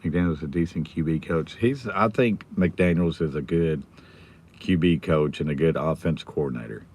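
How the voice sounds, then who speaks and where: An American man with his voice nearly gone, chatting casually and quietly as a livestream host while sitting in a car. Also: very deep voice, moderate pace, slightly rough. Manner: subdued, holding the volume down. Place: inside a car in a school pickup line. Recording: noticeable background noise in a car.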